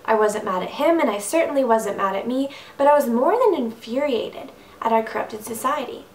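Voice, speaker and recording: In this slam poetry recitation, a young woman with a fairly high, expressive voice delivers her lines earnestly and rhythmically with strong emphasis at normal speed. A distant microphone gives the room a spacious sound, and there is faint noise.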